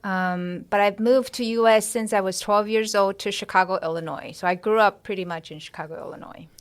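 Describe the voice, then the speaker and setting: A woman originally from Taiwan, a doctor and podcast guest, answering casual questions in a relaxed, modest way, often trailing off softly. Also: medium pitch, brisk. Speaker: physician guest. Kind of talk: casual interview chat.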